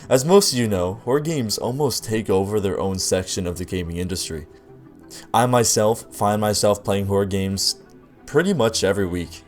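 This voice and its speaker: Over background music, a man with a lowish voice narrates a scripted devlog at a moderate pace. As a game developer and video creator, he explains things straight to his viewers.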